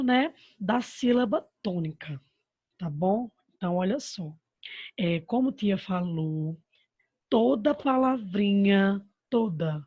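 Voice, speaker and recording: Patient Brazilian schoolteacher, husky voice. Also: female voice, mid-range voice, a little mellow, no echo, lo-fi sound. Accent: Brazilian Portuguese. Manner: patient, addresses pupils with diminutives and "my love"; answers her own rhetorical questions. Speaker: primary school teacher. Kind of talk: remote lesson over slides.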